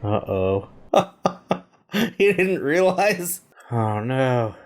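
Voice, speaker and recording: A man's voice: mid-range voice, big pitch swings, extremely slow, a little mellow. A man chatting casually as he hosts a movie reaction video, amused with himself and full of hesitant fillers.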